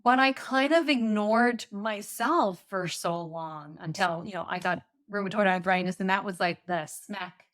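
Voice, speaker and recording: A woman hosting a podcast interview speaks at a middle pitch. Her talk is reflective and personal. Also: unhurried, few pauses, a bit bright. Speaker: podcast host. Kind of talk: conversational interview.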